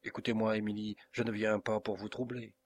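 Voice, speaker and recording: A man voicing a desperate, impassioned nobleman count in an audiobook, pleading with slow, vehement delivery. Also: fairly low pitch, little pitch movement, natural voice. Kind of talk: audiobook character reading.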